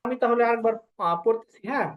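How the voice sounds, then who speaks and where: A Bengali-speaking woman teaching a language lesson, often pausing with filler sounds and slowly drilling syllables one by one. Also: a little high. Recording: dull lo-fi recording.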